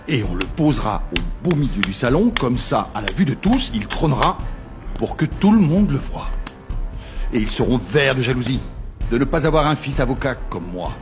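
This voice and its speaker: An actor dubbing a proud, boastful father in a French-dubbed telenovela. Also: mid-range voice. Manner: boastful, jovial. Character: proud boastful father, middle-aged man.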